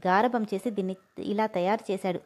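A woman's voice: mid-range voice, steady tone, a little fast, a little mellow, natural voice. A woman voicing a strict, bossy teenage boy who scolds and mocks. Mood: scolding. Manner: scolding, mocking.

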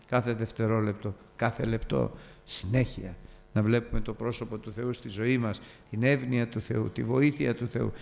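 Gravelly emphatic preacher in a reverberant hall. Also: male voice, mid-range voice. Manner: emphatic, repeating key phrases with sudden drops to near-quiet asides. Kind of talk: Bible study sermon.

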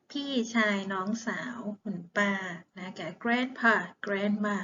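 A woman teaching English to young primary students, speaking slowly and encouragingly, switching between Thai and English. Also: mid-range voice, dull audio, a little hiss or hum. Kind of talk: online classroom lesson.

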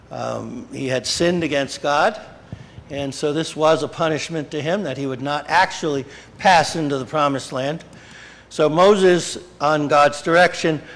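Slow-speaking middle-aged pastor. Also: male voice, a little high. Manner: slow, unhurried delivery with frequent self-corrections. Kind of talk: sermon. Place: small church sanctuary, indoors.

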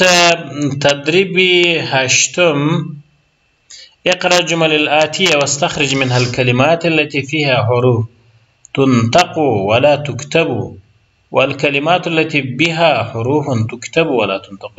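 Afghan Dari lecturer, dull lo-fi sound. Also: male voice, mid-range voice, a bit bright. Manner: explains patiently, reads examples slowly, then translates. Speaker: university Arabic lecturer. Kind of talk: recorded lecture.

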